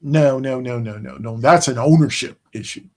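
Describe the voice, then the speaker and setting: A man with a medium-pitched, slightly mellow voice hosts a casual sports chat as a podcast host. Tired and yawning, he rambles, restarts sentences, uses plenty of fillers, and makes his points slowly and emphatically.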